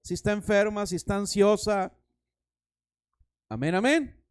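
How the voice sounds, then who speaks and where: A man's voice: high voice, unhurried, clear, resonant tone. A man preaching a sermon as pastor, dramatic, acting out voices and stories.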